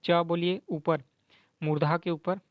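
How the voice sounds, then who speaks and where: Male grammar teacher, slow and repetitive delivery, slightly higher voice, dry muffled sound. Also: steady tone, no room sound. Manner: mixes English words into Hindi explanation; sounds out letters slowly to demonstrate. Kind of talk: explaining quiz answers to students.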